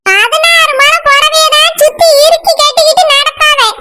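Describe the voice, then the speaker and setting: A woman's voice: very high voice, normal speed, bright, forceful tone, voice pushed up. A woman voicing a proud, doting middle-aged village mother with a Kanyakumari Tamil accent in a cartoon. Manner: proud, sing-song, teasing. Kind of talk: cartoon voice acting.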